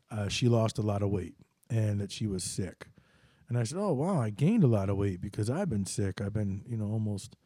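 A man's voice: medium pitch, mellow, dry recording. A middle-aged man hosting his own show, telling loose, rambling, self-deprecating stories and often jumping into quoted voices. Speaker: host. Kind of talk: casual storytelling monologue.

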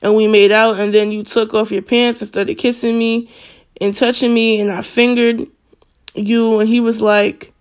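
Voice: mid-range voice, little pitch movement, moderate pace. A social media commentator talking casually, reading a string of text messages aloud with frequent fillers and self-corrections.

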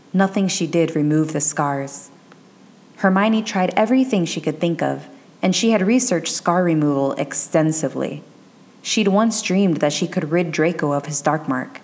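Woman reading fanfic aloud, low voice, steady calm pace, storytelling. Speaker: audiobook narrator. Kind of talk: scripted fiction narration.

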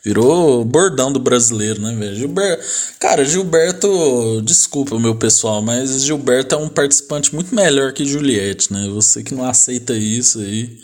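A man hosting a casual podcast, retelling reality-show drama in an animated, slangy way with frequent laughs. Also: medium pitch, normal speed. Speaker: podcast host.

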